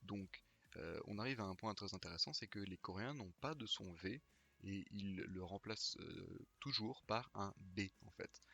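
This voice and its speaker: A man hosting a pronunciation video, slowly repeating each name with care in a scripted teaching monologue. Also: deep voice, pushed and bright, husky. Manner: slow, careful repetition of names.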